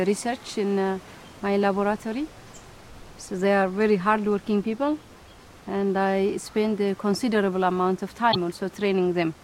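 A middle-aged woman scientist from Ethiopia, answering interview questions thoughtfully with many pauses, fillers and restarts. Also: mid-range voice, darkish tone, a little hiss or hum. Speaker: scientist and institute director.

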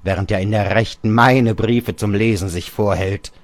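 A man's voice: on the low side, steady tone, normal speed, no echo, voice pushed up, lightly acted. A man reading an audiobook, voicing an old bedridden father who rants scornfully at his son and keeps raising his voice. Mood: mocking. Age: older. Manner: ranting, raising his voice in bursts.

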